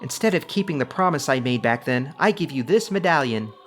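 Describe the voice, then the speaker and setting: A man's voice: medium pitch, animated, fairly quick, a bit bright, faint music behind, pitched above the performer's own voice, lightly acted. A man voicing a proud, brash female warrior from a game. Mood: bold.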